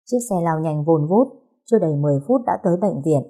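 Mellow low-voiced woman narrator. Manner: steady, measured storytelling. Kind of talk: dramatic audio story narration.

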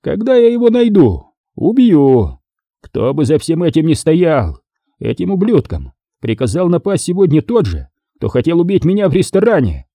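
A man's voice: high voice, sing-song, normal speed, few pauses, breathy edge, dry recording, pitched above the performer's own voice, exaggerated voice. A man voicing a snarling, raging gang boss. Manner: snarling, yelling threats in bursts. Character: furious volatile male gang boss, middle-aged.

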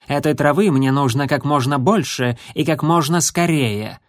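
A grumpy old she-cat healer scolds in a slow, stern drawl, as a male reader puts her on. The voice sits a little high, and the dry close storybook recording has no room sound at all. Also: no echo, natural voice.

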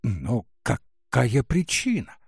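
Old eccentric patron in a storybook reading, man doing the voice, lively swooping lines, dry close sound. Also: mid-range voice, slow, creaky, slightly rough, dry recording, heavily acted. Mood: dismayed. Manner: dismayed, then bursting with excitement.

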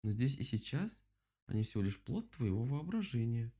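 A man voicing a calm, wise and kind female bear in a storybook, speaking gently and reassuringly. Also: medium pitch, moderate pace.

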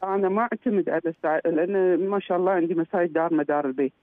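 Caller, female, fast and halting, dry phone-line sound. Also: fairly low pitch, dry recording. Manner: halting, trails off and restarts words. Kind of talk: phone call to a radio show.

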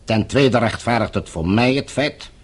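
In a Dutch radio drama, a male actor plays a captor and regime agent whose courtesy is false and menacing. He speaks in measured, formal, condescending phrases with a natural, medium-pitched voice, and the mood is cold and demanding.

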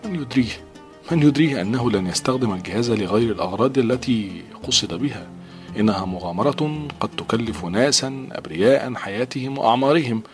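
A man narrating an audiobook novel in a measured, dramatic reading style. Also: medium pitch, expressive, faint music behind.

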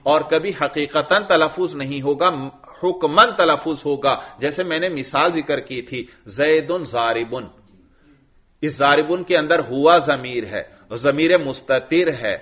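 A man with a bright, forceful and fairly high voice teaches grammar in a lecture. He intones the Arabic lines in a chant, explains them plainly and keeps asking whether his listeners follow. The lecture recording sounds dull and lo-fi. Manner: addresses listeners as brother, checks they follow. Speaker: religious teacher.

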